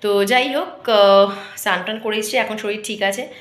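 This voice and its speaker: In her home kitchen, a woman vlogger chats casually with viewers as she shows them around, speaking at a medium pitch and moderate pace. A cold and sore throat leave her voice congested, and the recording has a roomy echo with faint background noise.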